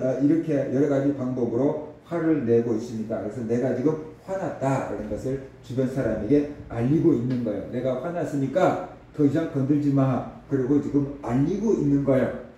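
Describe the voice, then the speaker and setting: A man's voice: medium pitch, warm tone, slight background noise. A man preaching a sermon as a pastor, talking conversationally and asking the congregation rhetorical questions. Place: church sanctuary. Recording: distant echoey hall recording.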